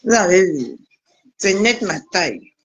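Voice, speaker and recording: A woman's voice: lowish voice, sing-song, measured pace, husky, highs cut off. A woman vlogger, chatting casually and teasingly to her viewers. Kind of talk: casual live video chat.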